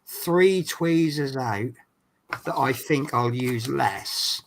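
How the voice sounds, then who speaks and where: Gravelly Norfolk man chatting casually. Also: mid-range voice, drawn-out words, slight background noise. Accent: Norfolk English. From East Anglia, England. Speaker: livestream host doing a hobby build. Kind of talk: casual chat while working at a hobby.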